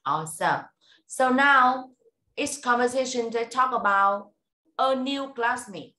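A woman teaching English over a video call, giving a speaking test and prompting slowly and clearly with encouragement. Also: on the high side, bright, forceful tone. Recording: roomy echo.

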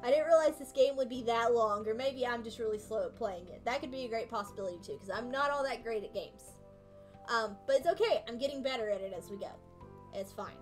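High-voiced chatty woman streaming a game. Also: a little fast, faint music behind. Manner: chatty, thinking aloud, self-deprecating. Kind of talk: casual gameplay commentary.

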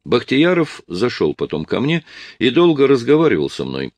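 A man's voice: mid-range voice, huge pitch swings, normal speed, no room sound, pitched above the performer's own voice. A man voicing a loyal deputy officer who explains things earnestly.

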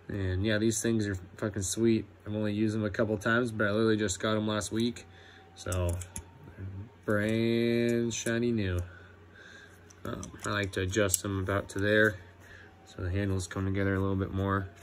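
Laid-back young man, low voice, heavy swearing. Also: a little hiss or hum. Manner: laid-back, swears a lot, many ums. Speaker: electrician apprentice. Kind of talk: casual tool review vlog.

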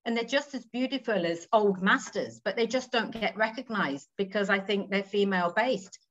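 A woman's voice: medium pitch, normal speed, a bit bright. A woman, chatting thoughtfully as an interview guest over a video call. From England. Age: 40s. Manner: chatty, thoughtful, trailing asides with tag questions. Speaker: guest textile artist. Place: home room with green walls. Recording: slightly dull video-call audio.

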